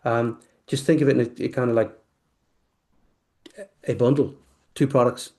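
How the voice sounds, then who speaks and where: Man from the UK in a casual interview; halting, restart-heavy delivery. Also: mid-range voice, fairly even intonation, darkish tone. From United Kingdom. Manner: halting, many restarts and fillers. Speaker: probiotics company guest.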